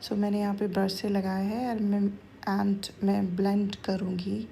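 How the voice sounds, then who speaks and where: A woman's voice: mid-range voice, level tone, measured pace, vocal fry, dark tone, a little hiss or hum. A woman makeup artist explaining a bridal makeup look step by step, switching between Hindi and phrases. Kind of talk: voice-over makeup tutorial.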